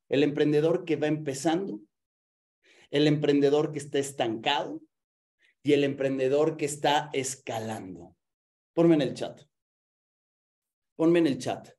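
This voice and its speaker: A man hosting a live online business masterclass, energetic, asking the audience questions and acting out stories with sound effects. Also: fairly high pitch.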